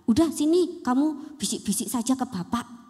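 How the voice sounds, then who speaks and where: A woman voicing a male schoolteacher who questions his pupils in a firm but gentle way. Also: high voice, expressive, normal speed, in a large hall, pitched above the performer's own voice. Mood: questioning. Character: male schoolteacher, stern then kind.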